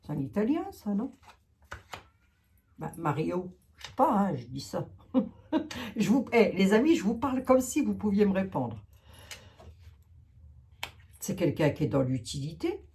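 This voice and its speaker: A woman's voice: medium pitch, sing-song, measured pace, long pauses, mellow, slight background noise. A woman giving a casual tarot reading to her viewers, thinking aloud with many fillers and asides. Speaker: tarot reader.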